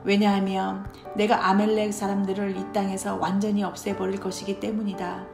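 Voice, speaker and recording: A woman's voice: medium pitch, little pitch movement, a little fast, gravelly, close to an everyday voice. A woman reading the words of God as a solemn male deity in a Bible story. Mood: commanding. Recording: roomy with background music.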